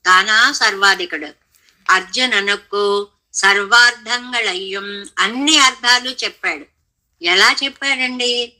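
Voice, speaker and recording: A woman's voice: mid-range voice, pushed and bright, poor audio. A middle-aged woman giving a devotional scripture discourse, explaining the text and chanting Sanskrit verses. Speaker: religious teacher.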